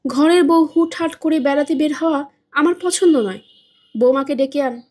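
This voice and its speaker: A woman's voice: high-pitched, moderate pace, darkish tone, natural voice. A woman reading as a stubborn scolding old mother.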